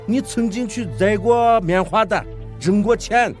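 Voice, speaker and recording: A man's voice: sits high, soft background music. An actor playing a middle-aged male village chief who coaxes villagers in a preachy, folksy way. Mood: persuading. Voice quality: coaxing, preachy with drawn-out sentence endings. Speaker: village head. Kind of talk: radio drama acting.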